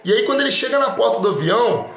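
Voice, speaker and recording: A man's voice: very high-pitched, animated, fast, a bit bright, soft background music. A man with a Brazilian Portuguese accent giving a motivational talk, speaking emphatically and straight to the listener with repeated phrases. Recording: roomy echo.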